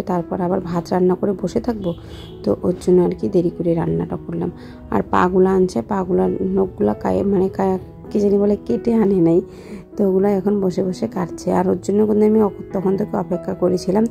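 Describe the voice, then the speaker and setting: A young woman narrating her household routine in a quiet, unhurried voice-over, speaking gently because she has only just woken up. Her voice is heavily gravelly and very dark, and it stays on a flat, even pitch. Soft music plays faintly behind her. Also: muffled recording. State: low on voice after waking. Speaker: vlogger. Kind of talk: daily life voice-over narration.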